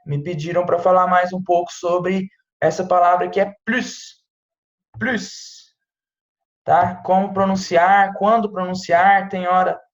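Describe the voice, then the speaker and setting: A man with a high voice and little pitch movement gives an informal, chatty online French lesson, constantly checking in with "tá?" and "né?". He speaks unhurriedly with hardly any pauses, and the recording is dull and echoey.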